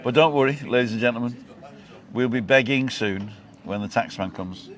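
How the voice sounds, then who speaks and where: A vlog host in his sixties chats casually at normal speed in a mid-range voice. He tells stories with a teasing streak and slips in dry jokes.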